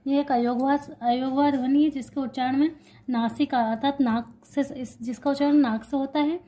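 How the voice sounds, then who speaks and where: A woman teaches an exam-prep grammar lesson in a high, dark-toned voice with fairly even intonation at a normal pace. She explains while writing, repeats key points, and asks questions that she answers herself.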